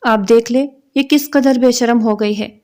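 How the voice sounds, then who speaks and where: An indignant, hot-tempered young man, voiced by a woman storyteller. The delivery is sharp and raised, though the tone stays mellow and warm. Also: a little high, lightly acted. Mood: pleading.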